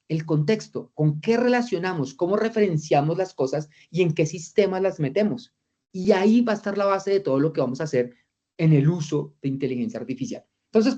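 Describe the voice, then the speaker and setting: Course instructor, dark mellow tone, lively and interactive, muffled video-call audio. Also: medium pitch. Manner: engaging, reads chat replies aloud, rhetorical questions. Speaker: trainer of a virtual course. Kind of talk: interactive online lecture.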